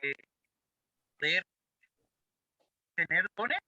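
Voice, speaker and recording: A man calling in with a hesitant, halting question over a choppy call line full of interference. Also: sits high, lively intonation, bright, forceful tone, no room sound. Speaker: caller asking a question. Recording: lo-fi, far from the mic.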